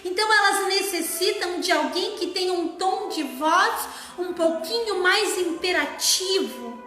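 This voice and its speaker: A woman preaching a sermon, slow and emphatic, sometimes sliding into song. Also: very high-pitched, animated, pushed and bright, soft background music. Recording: echoey room.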